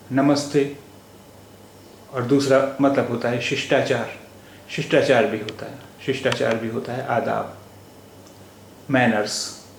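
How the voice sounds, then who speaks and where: A man teaching a language lesson, spelling out letters and repeating each word slowly and deliberately. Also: medium pitch, creaky. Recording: echoey room with faint noise.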